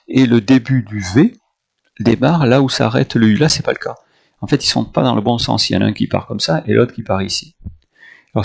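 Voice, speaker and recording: Gravelly man teaching math step by step. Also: medium pitch. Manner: talks through steps, counting grid squares aloud. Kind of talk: recorded homework correction.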